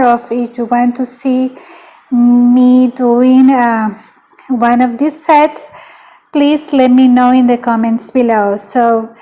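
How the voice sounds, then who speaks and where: A young woman hosting a beauty channel, calmly listing the items of an unboxing one by one. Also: high voice. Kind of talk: unboxing vlog.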